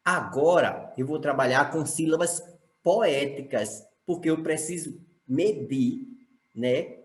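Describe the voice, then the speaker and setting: A man's voice: on the high side, slow. Man teaching in an echoey room. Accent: Brazilian Portuguese from Sergipe. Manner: explanatory, asks rhetorical questions. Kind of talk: recorded online lesson.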